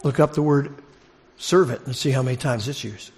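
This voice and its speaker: With a mid-range, slightly mellow voice, this preacher talks a little fast. He gives his congregation a conversational expository sermon, asking them questions and repeating phrases to stress them.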